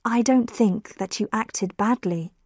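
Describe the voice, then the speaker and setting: Casting: reader doing a careful woman detective, very slow and even, dry recording. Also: fairly high pitch, breathy edge, no room sound. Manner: slow, deliberate speech.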